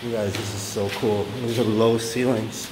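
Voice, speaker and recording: A man filming a walking tour vlog on a phone outdoors, excited and exclaiming often. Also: lowish voice, normal speed, background noise. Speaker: travel vlogger. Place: outdoors at ruins by a waterfall.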